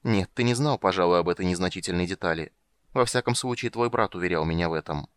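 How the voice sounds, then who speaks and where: A man voicing a proud, bitter young woman priestess in an audiobook, lifting his voice higher and speaking firmly. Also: fast talker, clean tone, no room sound, natural voice. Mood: bitter, challenging. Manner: raised pitch, firm and reproachful.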